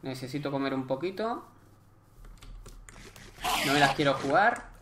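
A young man with a Spain Spanish accent doing live gameplay commentary, chatty and excitable, swearing and joking in slang. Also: medium pitch, a little slow, background noise. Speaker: gaming YouTuber.

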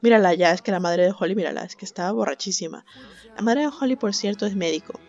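A woman gives casual let's-play commentary on a game, chatty and sympathetic, laughing often. She speaks fast at a medium pitch, with a slightly mellow voice, and the recording sounds muffled.

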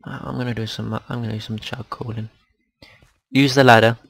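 A man playing a game with a friend, easygoing and quick to laugh. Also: medium pitch, level tone, vocal fry, fairly bright tone. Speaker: co-player. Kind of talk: casual chat while gaming.

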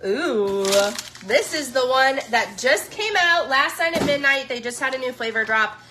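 A woman's voice: sits high, animated, unhurried, background noise. A woman chatting in a casual live stream, gushing over products she tries and saying "y'all" to her viewers. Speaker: social media influencer.

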